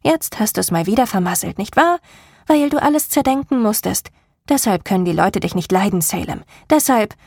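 A woman voicing the harsh, scolding inner voice of an anxious young woman, sharp and rising. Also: medium pitch, moderate pace, gravelly, husky, no echo, studio quality.

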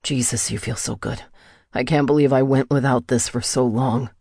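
A woman's voice: a bass voice, fairly even intonation, fairly quick, gravelly, a little mellow, husky, dry recording, clean studio sound, voice pushed down, heavily acted. Woman voicing a breathless, intense young man.

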